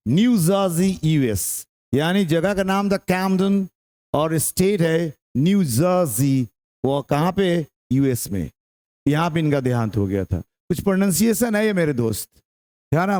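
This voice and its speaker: A man's voice: a little high, a little mellow. A male English teacher with a Bihari Hindi accent giving a classroom-style lecture, drilling pronunciation by repeating words and checking that students understand. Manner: mixes in English terms, asks students if they understood.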